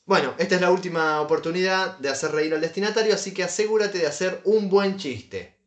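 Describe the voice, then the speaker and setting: A man's voice: high voice, brisk, roomy sound. A man co-hosting a casual comedic podcast, reading advice aloud with dry asides and chuckles. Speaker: podcast co-host.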